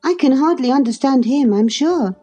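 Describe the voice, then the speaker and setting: A spirited, excitable teenage girl, voiced by a woman rises high and shrill above her usual register. She talks eagerly and indignantly, full of youthful certainty. Faint music plays softly behind. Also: moderate pace. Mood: puzzled.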